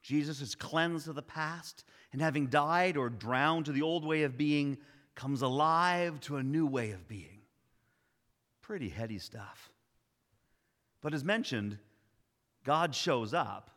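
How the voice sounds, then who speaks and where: A man's voice: mid-range voice, fairly bright tone, big-room sound. A man preaching a sermon in a conversational way, with wry asides and emphatic repetition. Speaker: pastor.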